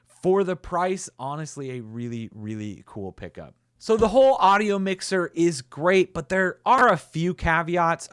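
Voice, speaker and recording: Relaxed man demoing gear, dry close sound. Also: on the high side, smooth, no room sound. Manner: relaxed, upbeat, with frequent "uh" and repeats. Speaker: tech reviewer. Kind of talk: casual product demo.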